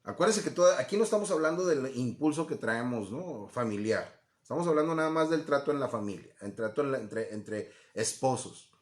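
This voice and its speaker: A man's voice: medium pitch, animated, a little fast. Conversational Spanish-speaking man preaching. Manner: conversational, acts out quoted voices, asks listeners "¿no?". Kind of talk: Bible teaching. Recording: echoey room.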